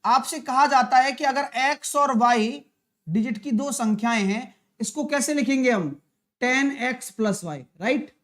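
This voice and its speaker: A man teaching a live online maths class for exam prep, chatty and coaxing, constantly quizzing his students with quick questions. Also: very high-pitched, a bit bright.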